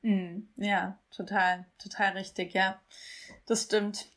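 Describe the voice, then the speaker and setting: A woman hosting a conversation at a mid pitch. She backs her guests with quick agreement and short affirmations. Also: flat delivery, fairly bright tone. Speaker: podcast host. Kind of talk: conversational interview talk.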